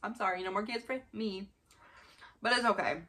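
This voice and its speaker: Speaking in a steady, mid-range voice at normal speed with a bright, forceful tone, this vlogger is twenty-five and filming a mukbang. She rambles informally to the camera, which sits a short way in front of her in a small bedroom, and she repeats herself a lot.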